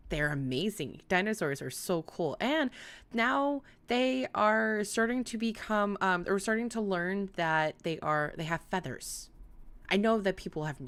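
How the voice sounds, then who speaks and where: A woman with a speech impediment that turns her R's toward W, chatting casually and excitably to viewers as a livestream host, in a rambling, giggly way. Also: mid-range voice. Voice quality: speech impediment, weak R sounds like W. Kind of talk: casual live chat with viewers.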